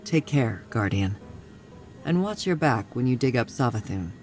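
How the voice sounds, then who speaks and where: An actress voices a battle-weary, resilient woman soldier, tough but tender, in a dramatic video game cutscene, using an extremely low, slightly mellow, exaggerated voice with big pitch swings at normal speed. She speaks plainly and reflectively with a wry edge, sounding relieved and resolute. Music or faint ambient noise sits behind her.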